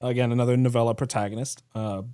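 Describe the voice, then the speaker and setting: A man hosting a casual book chat, talking excitedly with lots of fillers. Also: medium pitch, fast talker, smooth, no echo, clean studio sound. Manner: excited, many fillers, frequent laughs. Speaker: podcast host.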